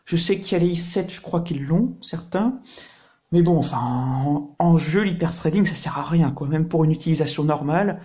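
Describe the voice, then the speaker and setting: A man's voice: fairly high pitch, normal speed, mellow. A man hosting a casual hands-on computer hardware tutorial, chatty and explaining through everyday comparisons.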